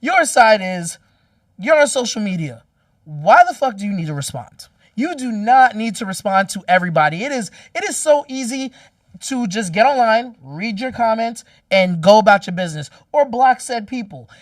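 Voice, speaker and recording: A man's voice: high-pitched, expressive, moderate pace, no room sound, recorded from a distance. A man co-hosting a casual podcast debate, explaining his point at length and cutting in with "wait, hold on". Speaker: podcast co-host. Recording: dry room, voice off-mic.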